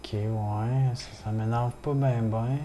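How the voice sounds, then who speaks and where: Québécois male streamer, mellow low voice, loose casual chatter peppered with curses, addresses chat directly. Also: steady tone, slow, slight background noise. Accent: Québécois French. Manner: swears often, chatty, greets viewers in chat. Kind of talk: casual gaming livestream chat.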